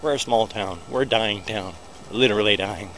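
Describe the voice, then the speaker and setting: Loud traffic roars past as a middle-aged American vlogger strolls through a small town, keeping a small recorder up against his mouth. His voice sits on the low side and moves at a moderate pace, and he rambles on chattily while poking fun at himself.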